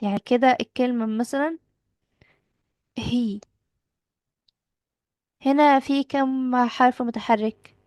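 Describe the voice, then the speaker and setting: A woman's voice: a little high, fairly even intonation, takes it slowly, long pauses, darkish tone, dry recording. Patient Egyptian woman teaching a child. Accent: Egyptian Arabic. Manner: patient, asks questions and repeats answers back. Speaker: English teacher. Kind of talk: children's language lesson.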